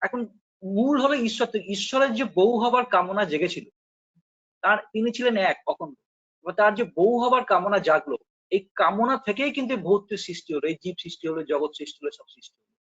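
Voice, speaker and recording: A man with a Bengali accent explains spiritual philosophy in a patient, questioning way. His voice sits very high. The recording is dull and lo-fi. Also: expressive, quick pace, fairly bright tone. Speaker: spiritual teacher. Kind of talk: philosophical discussion.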